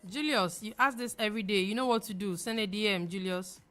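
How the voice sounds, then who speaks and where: With faint music behind her, a Ghanaian livestream trading host, a young adult woman, fields viewers' questions at a fairly quick pace. Her medium-pitched voice is fairly bright, and she's emphatic and chatty, laughing easily and repeating phrases in her Ghanaian accent.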